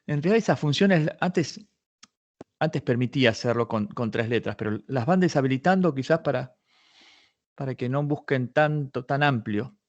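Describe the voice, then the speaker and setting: A man teaching an online patent search workshop, talking through each step aloud and often restarting his phrases. His voice sits at an ordinary middle pitch. The class audio is slightly muffled and lo-fi. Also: lively intonation, moderate pace. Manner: explains step by step, thinking aloud with many restarts. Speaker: workshop instructor.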